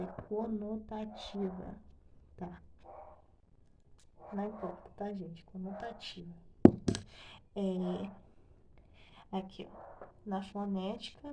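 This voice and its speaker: A woman with a Brazilian accent giving a casual online writing lesson, halting and correcting herself often. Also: medium pitch, background noise. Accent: Brazilian Portuguese. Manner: slow, halting, many fillers and self-corrections. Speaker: writing teacher.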